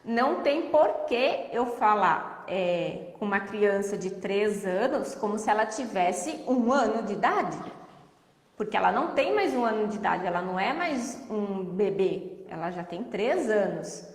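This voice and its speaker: Woman, Brazilian accent, speech therapist, animated explainer, echoey room. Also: medium pitch, a little slow. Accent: Brazilian Portuguese. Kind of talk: explaining in casual conversation.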